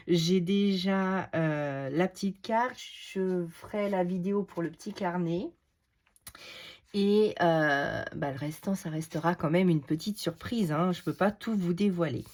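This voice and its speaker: Slow, chatty woman crafting. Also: lowish voice, darkish tone. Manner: chatty, many fillers, talks while working. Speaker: craft video creator. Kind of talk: casual craft tutorial talk.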